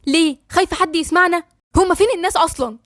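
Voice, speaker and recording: A woman voicing an upset young woman doctor in an Egyptian Arabic audiobook drama, firing off sharp questions. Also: extremely high pitch, very fast, dry recording, clean studio sound, voice pushed up. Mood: agitated.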